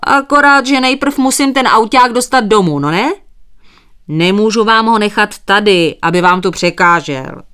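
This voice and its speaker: A woman's voice: medium pitch, animated, fairly bright tone, smooth, pitched above the performer's own voice, natural voice. A woman voicing a stubborn male sheep farmer who politely dodges every request with thanks. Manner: courteous, evasive, dodges with thanks.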